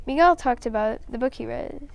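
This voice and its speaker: A woman's voice: fairly high pitch, normal speed. A woman reading a first-person children's story aloud in a plain storytelling manner, with a few small slips.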